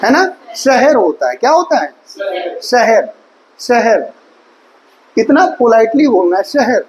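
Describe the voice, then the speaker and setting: She is a woman with a high voice as a Hindi teacher running an online class for exam students. She sounds out each vowel for the class to repeat and keeps asking them rhetorical questions. She calls her students 'beta'. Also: sing-song, moderate pace, rough recording. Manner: drills pronunciation aloud, asks students rhetorical questions; addresses students affectionately as 'beta'. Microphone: recorded for mobile viewers.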